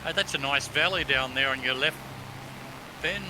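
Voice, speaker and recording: A man in casual flight-game chat, talking haltingly as he thinks aloud. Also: medium pitch. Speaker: player in a group flight-simulator session. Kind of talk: casual chat while flying in a flight simulator. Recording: noisy voice chat with vehicle-like drone.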